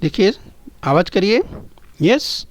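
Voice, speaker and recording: A male primary school teacher with a somewhat high voice, coaxing young pupils through a recorded lesson. He speaks patiently, spells out each phrase slowly, and keeps urging the children to listen and repeat. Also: sing-song. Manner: addresses the children constantly, coaxing and encouraging.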